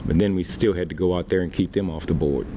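A middle-aged man, manager of a baseball team, answers reporters at a post-game press conference via a desk mic. He talks plainly and slowly with many fillers, in a low, steady voice. The background is noisy.

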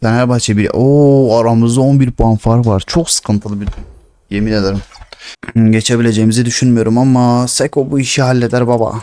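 A young man commenting on his own football video game, swearing and shouting at the players. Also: medium pitch, flat delivery, a little fast. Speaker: gaming streamer.

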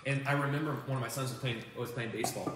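A man's voice: mid-range voice, steady tone, very fast, far from the mic, noisy background. Earnest man pastor, roomy echo. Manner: earnest storytelling, quotes people aloud. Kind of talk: casual faith chat. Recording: roomy, echoey, from off the mic.

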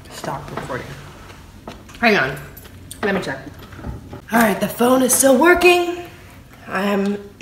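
A woman in her thirties from San Francisco, USA, films a food vlog on a phone camera resting on her dining table, in a small room at home. Her mid-range voice sounds roomy with a little hiss or hum as she chats in a relaxed way between bites.

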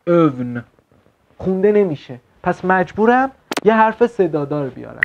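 A man teaching an online language lesson, explaining words slowly and checking in with quick questions. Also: high-pitched, big pitch swings, vocal fry, background noise. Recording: slightly dull lo-fi sound.

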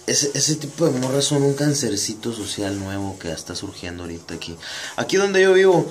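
A man with a Mexican Spanish accent talks in a loose, rambling monologue, heavy with street slang and wry jokes. His pitch sits in an ordinary middle range. Faint music plays behind him. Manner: slangy, joking, rambling asides. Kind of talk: casual monologue.

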